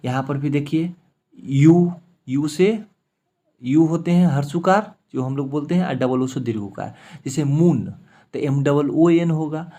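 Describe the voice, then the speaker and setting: A man's voice: a little high, measured pace, warm tone. A man teaching an English spelling lesson, explaining step by step and spelling names out letter by letter, often checking in with his students. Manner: explains step by step, repeats "ठीक है" and "मेरे साथियों".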